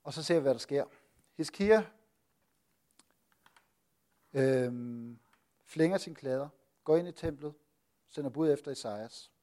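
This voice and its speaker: A man preaching and teaching on a Bible passage, asking lively rhetorical questions and pausing often with hesitations. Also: a little high.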